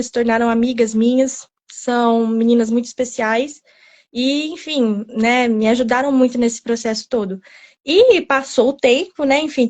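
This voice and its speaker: Chatty high-voiced young woman. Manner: chatty, animated, tells the story with quoted self-talk and frequent "né?". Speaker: author, interview guest. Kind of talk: casual storytelling in an interview.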